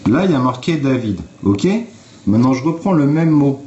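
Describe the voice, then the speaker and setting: Blunt, informal man with a mellow voice. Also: medium pitch, expressive, a little fast, muffled recording, a little hiss or hum. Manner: blunt, informal, swears, addresses viewers directly. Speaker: livestream host. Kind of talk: casual explanatory livestream talk. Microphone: phone.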